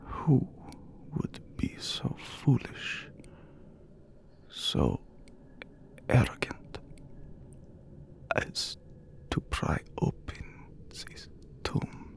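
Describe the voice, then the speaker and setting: A man voicing a haughty, courtly, immortal vampire count in a breathy, whispered ASMR roleplay, with formal, archaic phrasing. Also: very slow, pauses often. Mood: stern, suspicious.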